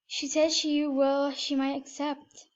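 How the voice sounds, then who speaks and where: A woman talking over her gameplay in a casual vlog, excitable and full of fillers. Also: high voice, slow, highs cut off. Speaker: gaming vlogger.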